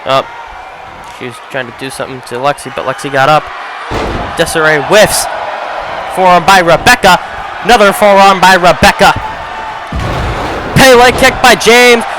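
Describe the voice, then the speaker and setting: A man calling a video game wrestling match play-by-play, often shouting, his voice going hoarse. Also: fairly high pitch, normal speed, pauses often. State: losing his voice. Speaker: play-by-play commentator. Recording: crowd noise and game sound behind.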